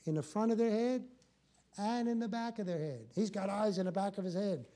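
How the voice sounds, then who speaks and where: An older man preaching a church sermon in an animated, folksy, joking way, putting rhetorical questions to his listeners. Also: high-pitched, a little fast. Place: church sanctuary, in front of a small congregation.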